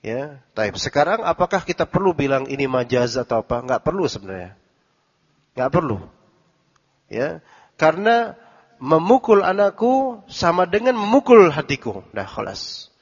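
A man's voice: a little high, big pitch swings, normal speed, long pauses, husky. A man teaching a religious study lesson, translating Arabic text phrase by phrase and quizzing his listeners. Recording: dull recording with long hall reverb.

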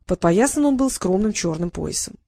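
A woman narrating an audiobook in a measured storytelling manner, close to the mic. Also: medium pitch, animated, gravelly, dark tone, no room sound. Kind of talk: scripted narration.

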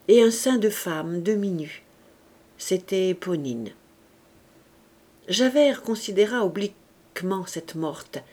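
A woman reading an audiobook aloud in clear, measured scripted narration. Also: mid-range voice, a little mellow. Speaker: audiobook reader.

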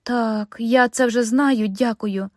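A clumsy male robber snaps and fumbles in exasperation, as a woman reader acts him out. The voice stays fairly high for a man and is dry and close. It has the feel of a storybook read aloud. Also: steady tone, slow, no echo. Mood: exasperated. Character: flustered, clumsy young male bank robber.

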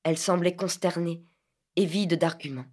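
Woman audiobook narrator, lowish voice, measured literary reading. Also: steady tone, darkish tone.

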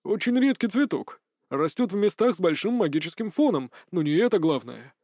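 A man's voice: high voice, big pitch swings, a little fast, darkish tone, no echo, exaggerated voice. Male reader plays fussy learned expert, lecturing, bossy; dry audiobook sound. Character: learned man, fussy expert on magic herbs.

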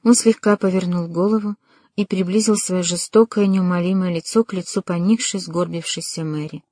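A woman narrating a literary novel as an audiobook, with a measured and dramatic reading. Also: fairly low pitch, fairly even intonation, dark tone, no room sound, studio quality.

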